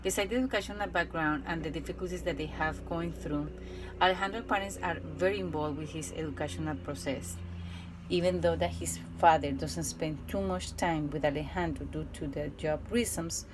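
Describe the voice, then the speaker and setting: Low-voiced Colombian-accented woman teacher. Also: background noise. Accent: Colombian Spanish. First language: Spanish. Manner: careful, halting delivery with restarts and fillers. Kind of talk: reading a prepared case report.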